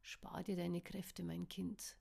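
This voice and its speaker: A woman voicing a menacing creature that speaks in a slow, breathy, mocking way. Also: lowish voice, little pitch movement, a little mellow, lightly acted. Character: menacing hissing creature, night attacker.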